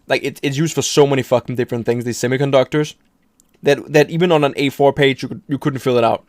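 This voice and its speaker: A man's voice: medium pitch, fairly even intonation, quick pace, a little mellow, no room sound. A man talking loosely over a video he is reacting to, with a dry, close sound. He rambles, swears constantly and trips over his own sentences. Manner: rambling, profane, restarts often, laughs at himself. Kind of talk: casual reaction commentary.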